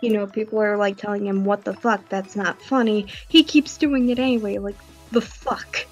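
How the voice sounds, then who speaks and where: This female stream host has a medium pitch and a steady tone, speaking at normal speed, and the audio sounds dull. Over music, she chats casually, telling filler-heavy, informal stories and occasionally swearing.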